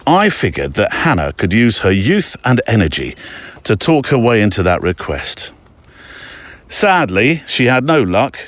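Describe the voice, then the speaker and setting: A man hosting a podcast, reading a listener's letter aloud in a chatty, digressive way with quick asides. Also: on the low side, very animated, dry recording. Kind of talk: casual storytelling read-aloud.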